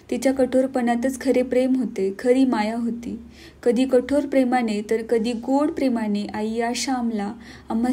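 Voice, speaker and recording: A woman reading a classic novel aloud as an audiobook narrator, in a measured, earnest storytelling manner. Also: fairly high pitch, dark tone.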